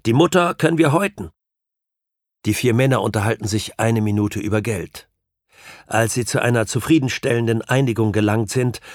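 A man reading a novel aloud as an audiobook narrator, in measured, even storytelling. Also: mid-range voice, no room sound, studio quality. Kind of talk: scripted literary narration.

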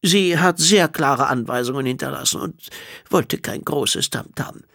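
A man's voice: unhurried, pushed and bright, dry recording, clean studio sound, heavily acted. A man putting on a frail, tearful old woman. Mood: gentle. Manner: sad, sniffling, breaking into high tones. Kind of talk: audiobook character voice.

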